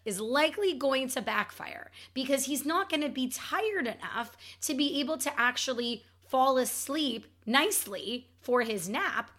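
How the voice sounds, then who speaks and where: A woman's voice: sits high, expressive, a little slow, hardly any pauses, fairly bright tone. A woman hosting an advice podcast in an upbeat, instructive manner, stressing key words as she goes. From Ontario, Canada. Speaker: podcast host and child sleep coach.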